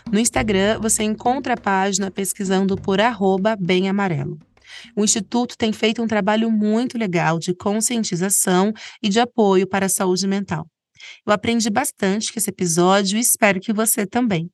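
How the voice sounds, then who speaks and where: A woman's voice: medium pitch, moderate pace. A woman with a Brazilian accent hosting a podcast in an informal, chatty and conversational way. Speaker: podcast host.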